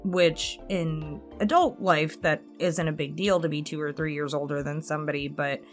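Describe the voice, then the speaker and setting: A woman in her late twenties with a low voice hosts an ASMR channel and answers subscriber questions, chatting candidly and casually. She rambles through personal stories with small chuckles, in a steady tone at a moderate pace, while instrumental music plays behind her.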